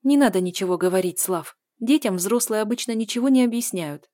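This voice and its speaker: A woman reader voicing a young woman, a younger sister, shouting and pleading in an audiobook. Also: brisk, no echo, clean studio sound, close to an everyday voice. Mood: earnest. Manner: shouting, shrill. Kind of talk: audiobook character voice.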